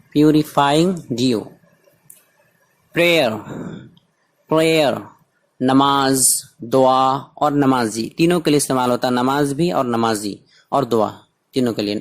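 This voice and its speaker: A man giving a language lesson at a deliberate, unhurried pace. He repeats each word patiently so learners can follow. His voice sits in an ordinary middle register. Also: mid-range voice. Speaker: teacher. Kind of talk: spoken English lesson.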